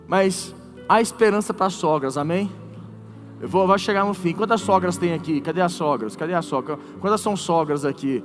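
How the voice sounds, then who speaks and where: A man's voice: high-pitched, moderate pace, in a large hall, faint music behind. A man pastor preaching a sermon, telling a story with jokes and questions to the congregation. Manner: lively, joking, talks to the congregation. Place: church.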